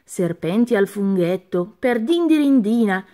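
A woman's voice: mid-range voice, expressive, unhurried, dark tone, close to an everyday voice. A woman voicing a sly, greedy female snake in a storybook reading, with a wheedling way of talking.

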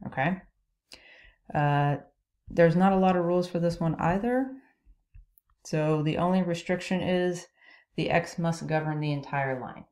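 This is a female logic instructor narrating slides in a screen recording, explaining rules step by step and checking understanding with "okay?". Her voice sits low and sounds a little mellow.

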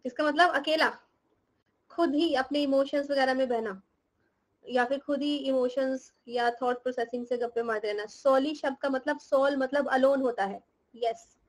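A woman's voice: high-pitched, fairly even intonation, normal speed, low-quality recording. A young woman teaching a class, explaining terms, teasing and scolding her students with questions and laughing often. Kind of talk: live class lecture in Hindi mixed with English.

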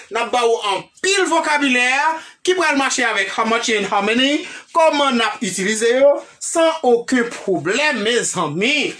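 Slow, bright-voiced Haitian woman teacher. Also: fairly high pitch, slight background noise. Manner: emphatic, repeatedly checks in with the class. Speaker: English teacher. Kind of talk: teaching an English lesson. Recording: voice a bit far from the mic.

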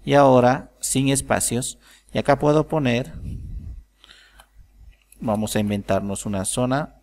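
A man calmly explaining a software tutorial step by step, thinking aloud as he works. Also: mid-range voice, measured pace. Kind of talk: screen-recorded software tutorial.

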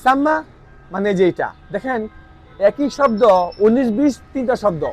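A man from Bangladesh, giving an informal language lesson. He explains slowly, repeats himself and keeps checking that listeners follow. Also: sits high, expressive, dark tone, soft background music, rough recording. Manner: explanatory, repetitive, asks listeners if they follow. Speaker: language teacher. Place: outdoors in a town.

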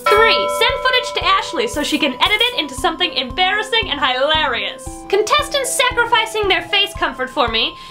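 A woman's voice: very high-pitched, big pitch swings, a little fast, few pauses, over music. A young woman hosting a video, narrating a challenge in a scripted, upbeat vlog style. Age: young adult. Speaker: vlog host. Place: bedroom.

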